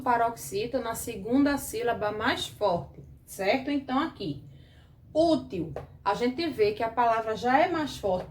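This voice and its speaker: A woman's voice: on the high side, roomy sound. A Brazilian Portuguese woman teaching an online grammar lesson to children, patient and explaining step by step while she checks in with the class. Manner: patient, explains slowly, keeps asking the class "certo?". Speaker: primary school teacher.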